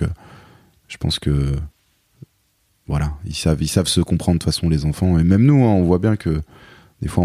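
Very deep-voiced hesitant man. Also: gravelly, mellow, no room sound, clean studio sound. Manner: hesitant, many fillers and restarts. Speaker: guest, songwriter and performer. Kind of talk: casual interview chat.

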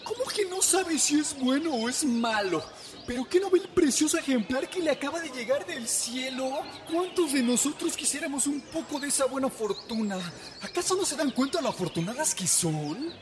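A man's voice: extremely high pitch, expressive, moderate pace, noisy background, voice pushed up. A man doing baffled village neighbors. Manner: baffled, questioning. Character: puzzled village neighbors, gossiping. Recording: clear music underneath.

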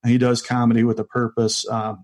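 A man in his forties, a comedian, telling his story in a casual interview, halting and full of fillers, laughing easily. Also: medium pitch, completely flat delivery, a little mellow. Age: 40s. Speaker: guest comedian.

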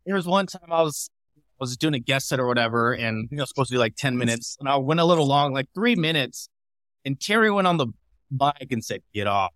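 A man who does comedy, quickly recounting an embarrassing gig in casual chat, trailing off quietly. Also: medium pitch, expressive, dry recording. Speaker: comedian guest.

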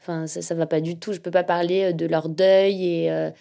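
A young woman, a journalist, telling her own story in a relaxed, hesitant way, with a slightly nasal voice and many fillers. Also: on the low side, fairly quick, vocal fry. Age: young adult. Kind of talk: casual personal storytelling.

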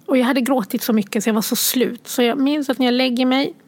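Soft-spoken, tearful woman. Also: high voice, fairly even intonation. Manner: halting, soft-spoken, often dropping to a near whisper. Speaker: guest sharing a personal story. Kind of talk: emotional personal storytelling.

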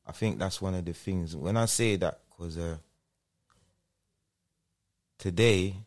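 A man with a London roadman accent talks in a fairly low voice as an interview guest. His style is casual street slang. He keeps adding little tags to check the listener follows. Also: takes it slowly. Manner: repeats checking tag phrases.

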